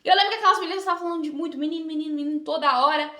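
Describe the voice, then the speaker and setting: Bright, echoey young woman telling a testimony. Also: high-pitched, rapid-fire. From Brazil. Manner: heartfelt, earnest storytelling with emotional rises. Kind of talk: personal testimony. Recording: echoey room with faint music.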